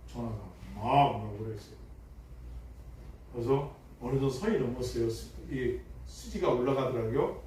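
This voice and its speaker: Middle-aged male pastor, emphatic sermon delivery with loud peaks and hushed asides, distant mic, heavy church echo. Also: medium pitch. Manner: emphatic preaching with rhetorical questions, swings from loud to hushed. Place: church sanctuary. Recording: echoey hall, distant mic, faint noise.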